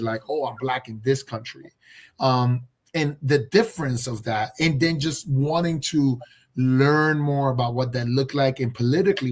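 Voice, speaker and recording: A man from Colombia, a guest on a video call, telling his story in a reflective, casual way with many fillers and restarts. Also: mid-range voice.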